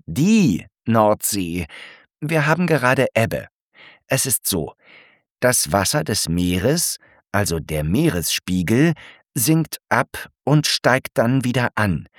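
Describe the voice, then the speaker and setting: A man voicing a patient, knowledgeable male zebra who gently explains things to his friend in a storybook. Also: medium pitch, very animated, takes it slowly, no echo, clean studio sound. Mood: explaining. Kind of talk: storybook character voice.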